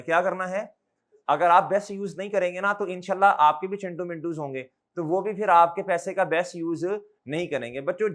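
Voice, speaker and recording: With a high-pitched, slightly bright voice and a Pakistani Urdu accent, this man lectures on accounting. He scolds his class like a father and keeps throwing questions at the students for them to answer together.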